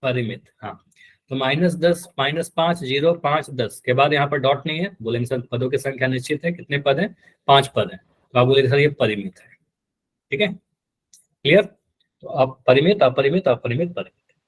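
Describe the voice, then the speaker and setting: A man's voice: medium pitch, normal speed, slightly rough. Patient teacher quizzing his class. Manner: patient, repeats key terms and quizzes students. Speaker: math teacher. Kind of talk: live online class.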